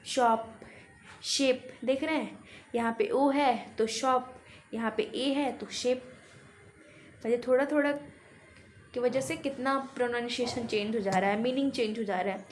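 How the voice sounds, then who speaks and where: A woman's voice: on the high side, slight background noise. Woman explaining English pronunciation patiently. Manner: explains patiently, repeats words and examples. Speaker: English teacher. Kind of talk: casual spoken-English lesson.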